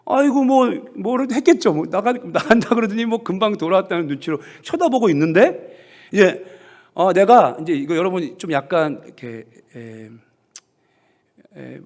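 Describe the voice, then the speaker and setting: A male pastor delivers a lively sermon in a church, his pitch sitting high for a man and swinging widely as he tells a story. He acts out quotes and breaks into loud, ringing hallelujahs. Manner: animated storytelling with shouted hallelujahs. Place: church sanctuary.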